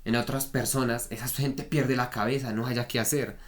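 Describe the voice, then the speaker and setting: A man's voice: mid-range voice, steady tone, normal speed. A man giving a frank, repetitive spoken lesson on trader psychology, often checking in with the listener. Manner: frank, repetitive, peppers talk with "¿vale?". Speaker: trading coach.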